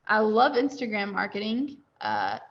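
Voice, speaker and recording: A woman's voice: mid-range voice, wildly swooping pitch, measured pace. Chatty young woman on a dull call. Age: young adult. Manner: candid, chatty, laughs easily. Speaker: dental lab owner and guest. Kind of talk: webinar interview.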